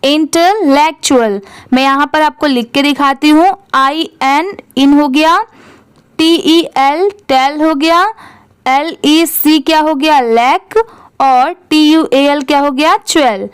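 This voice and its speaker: A woman's voice: high-pitched, no echo. A woman with an Indian accent teaching English reading, patiently spelling words out letter by letter and asking questions. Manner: reads English text very slowly, word by word. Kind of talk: slow spelled-out reading lesson.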